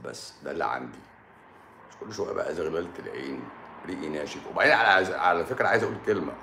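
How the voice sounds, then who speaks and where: A man's voice: sits low, expressive, racing, pushed and bright, a little hiss or hum. Stern Egyptian man in an echoey room. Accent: Egyptian Arabic. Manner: stern, lecturing and sarcastic. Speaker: doctor hosting a live stream. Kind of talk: live stream talk answering viewers.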